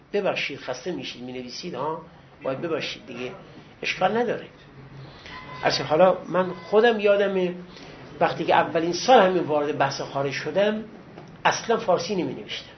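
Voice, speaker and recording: A middle-aged man with a high voice teaches a seminary class and tells stories from his own past, in an easy and encouraging way. The recording is dull and lo-fi. A faint hiss sits under his voice. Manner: conversational, reminiscing, encouraging. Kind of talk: lecture with personal anecdotes.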